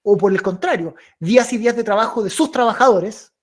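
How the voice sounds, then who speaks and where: A young man leading an informal philosophy talk for a reading club. He thinks aloud with many restarts and hesitations, and acts out inner voices and quoted remarks in lively mock tones. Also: sits high, fairly quick. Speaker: discussion leader.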